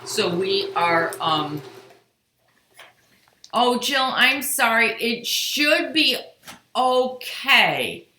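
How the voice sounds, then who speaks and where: A woman's voice: a little high, sharp tone, a little hiss or hum. A middle-aged woman hosting a live quilting stream from her home sewing room, chatting with viewers and greeting them by name. She is tired and yawning as she talks into her computer webcam. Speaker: quilting show host. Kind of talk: live-stream casual chat. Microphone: computer webcam on sewing table. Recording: roomy home-room echo.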